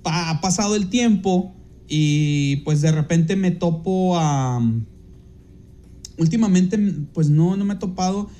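A Mexican man with a fairly high but mellow, warm voice recounts an anecdote in a loose, rambling way, full of fillers and self-corrections. He hosts a podcast and works as a DJ, and when he quotes someone he slips into a brighter, livelier voice. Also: takes it slowly. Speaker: podcast host and DJ. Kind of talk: casual anecdote telling.

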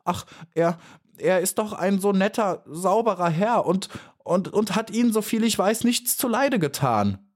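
A man's voice: on the high side, huge pitch swings, normal speed, slightly rough, voice pushed up, full character voice. A man voicing a young female bee in a storybook, small, earnest and brave, pleading at times and firm at others.

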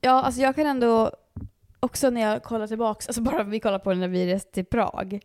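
A young woman co-hosting a podcast, chatting casually with lively swearing. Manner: animated, swearing, quick shifts in pitch. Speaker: podcast co-host. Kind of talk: casual chat.

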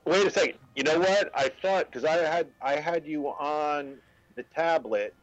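A man calling into a talk show over Skype from home, his hollow audio sounding as if he is at the bottom of a well, talking in a wry, halting way with restarts. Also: fairly high pitch, no echo. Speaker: guest on a call-in show. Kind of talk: casual chat. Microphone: Skype call from home. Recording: dull lo-fi Skype line.

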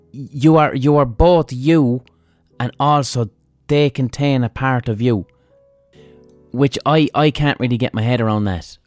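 Thinking aloud in a casual monologue, a man with an Irish accent hosts his podcast bluntly and swears without restraint. He speaks in a mid-range voice, recorded with no echo.

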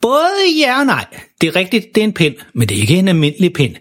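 A man playing a clueless, boastful father who talks loudly and proudly. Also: high-pitched, huge pitch swings, pitched above the performer's own voice, exaggerated voice. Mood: boisterous. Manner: boastful, boisterous. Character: bumbling proud dad, loud and clueless.

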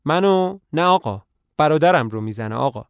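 A man's voice: on the high side, expressive, gravelly, smooth, no echo, clean studio sound. A man voicing a frightened young boy messenger who answers meekly and politely. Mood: timid. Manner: meek, polite, short answers.

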